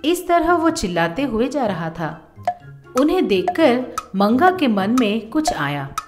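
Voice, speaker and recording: A woman tells a cartoon story in a slow, high voice with dramatic storytelling. Her voice has a roomy echo, and faint music plays behind it. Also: very animated. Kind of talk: scripted cartoon narration.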